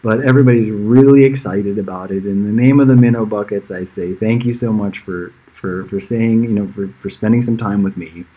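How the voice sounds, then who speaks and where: The audio is poor, and the man's fairly low voice is mellow and slightly rough, moving a little fast with few pauses. A middle-aged musician on a livestream for friends and fans, he talks in a loose, rambling way, easily sidetracked and chuckling at times.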